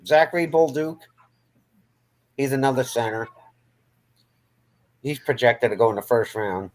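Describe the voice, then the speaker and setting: A man's voice: mid-range voice, expressive, a little slow, darkish tone. A man co-hosting a hockey podcast, casually running through draft prospects with small hesitations. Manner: easygoing, listing prospects with hesitations. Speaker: podcast co-host.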